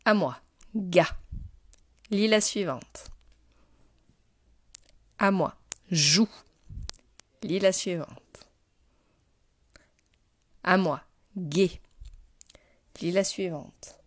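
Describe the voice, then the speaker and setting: Woman, primary teacher, slow patient delivery, dry close recording. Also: mid-range voice, no echo. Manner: slow, patient, addressing the child directly. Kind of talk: phonics lesson to a young child.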